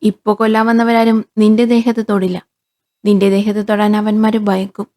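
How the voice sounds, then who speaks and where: A woman's voice: medium pitch, completely flat delivery, moderate pace, warm tone, lightly acted. A woman voicing a stern, controlling older father in a storybook, lecturing his daughter. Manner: lecturing, persuasive.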